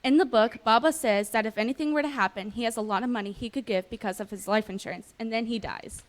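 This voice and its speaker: A woman's voice: on the high side, quick pace. A young woman student asking an author a hesitant question from the audience.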